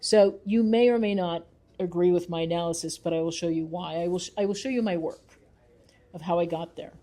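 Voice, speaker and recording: Being interviewed as a researcher and author, a woman talks briskly in a soft-edged, mellow, lowish voice. Her manner is thoughtful and conversational, earnest as she lays out her views and stresses the key points.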